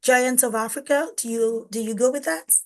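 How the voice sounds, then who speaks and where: A woman's voice: a little high, normal speed. A Nigerian woman hosting a live-streamed interview, talking in a chatty, informal way and often restarting her sentences. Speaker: host.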